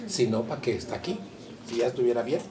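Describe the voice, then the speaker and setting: A man with a Mexican accent talks fast at a medium pitch, speaking openly and casually to a support group and often turning to ask his listeners questions. It's a personal talk, with background noise in the recording.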